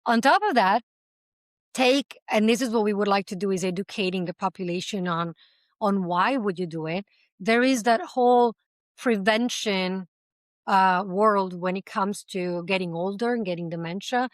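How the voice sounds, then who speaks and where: A passionate, talkative woman who founded a language school and speaks several languages answers interview questions conversationally as a guest, using everyday examples. Her mid-range voice moves at a moderate pace, and the sound is dry and close with no echo.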